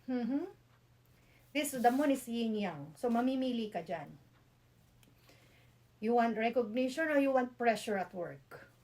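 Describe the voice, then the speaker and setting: A woman's voice: a little high, expressive, takes it slowly, pauses often, darkish tone. Chatty Filipino woman reading tarot. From Philippines. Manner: chatty, frequent "no?" tag questions, mixing Tagalog and English. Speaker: tarot reader.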